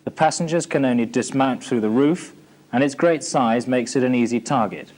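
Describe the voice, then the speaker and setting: Heard on the soundtrack of a 1980s archive training film, a formal British man narrates a military film with scripted instructions. His mid-range voice moves at normal speed and sounds slightly mellow, his manner formal and matter-of-fact.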